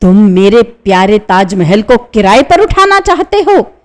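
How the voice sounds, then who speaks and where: A woman's voice: medium pitch, big pitch swings, measured pace. A woman voicing a wildly laughing, threatening madman with a grizzled beard in a one-reader radio play. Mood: menacing.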